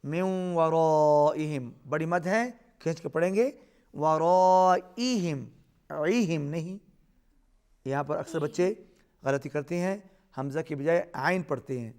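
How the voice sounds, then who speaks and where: A man with a high, smooth, resonant voice teaching a Quran recitation lesson. He chants each verse slowly and stretches the sounds. Between verses he rattles off the pronunciation rules. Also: a little mellow.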